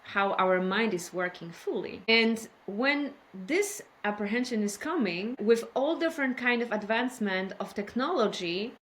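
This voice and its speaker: Lady on a podcast, talks slow and careful, lots of uh's. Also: on the high side, animated, fairly bright tone. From Poland. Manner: careful, measured, with many fillers. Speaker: podcast guest, healthcare innovation expert. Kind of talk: casual interview talk.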